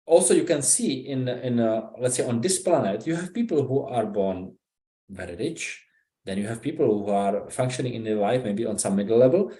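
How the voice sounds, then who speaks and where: A man from the Republic, giving an informal scripture talk in a halting, conversational way, often checking in with "right?". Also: mid-range voice, a little mellow. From Czech Republic. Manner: conversational, halting, with frequent 'right?' and 'you know?'. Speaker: visiting speaker giving a scripture class. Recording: roomy echo.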